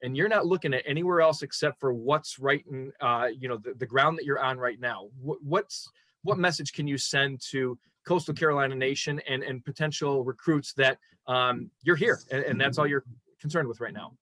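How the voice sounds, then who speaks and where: A man with a smooth radio host delivery, asking polished, friendly interview questions. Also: medium pitch, normal speed, pushed and bright, dry recording. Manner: polished, friendly questioning, addresses guest as Coach.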